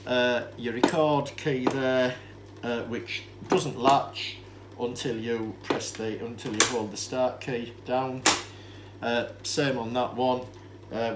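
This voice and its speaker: Demonstrating vintage tape recorders hands-on, a mid-pitched male presenter explains things informally and plainly, wandering a bit and pausing hesitantly. Faint, clear, steady background noise sits behind him.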